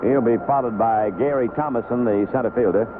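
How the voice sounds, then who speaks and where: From a baseball stadium's broadcast booth, a male announcer calls live play-by-play at medium pitch, speaking in short, conversational phrases separated by pauses. It sounds like a noisy, lo-fi 1970s AM radio broadcast: thin, band-limited, and with lots of noise surrounding his voice.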